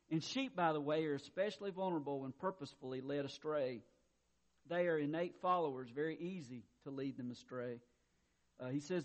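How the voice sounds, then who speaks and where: A man preaching a sermon, reading quietly and then building to loud, emphatic exclamations with repeated words. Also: on the high side. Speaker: pastor.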